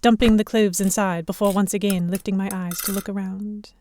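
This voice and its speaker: In a reflective audio drama, a woman who narrates and plays the lead gives first-person voice to a young, observant heroine in a pirate story. Her narration is measured and literary, in a natural, mellow, medium-pitched voice with a steady tone, and there's a little hiss or hum.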